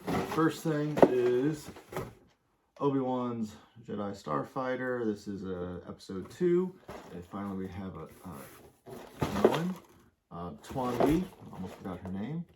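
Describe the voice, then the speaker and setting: A man's voice: mid-range voice, animated, unhurried. A man giving casual, enthusiastic unboxing commentary as a toy collector, rambling a little with fillers and sounding slightly out of breath. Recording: clear background noise.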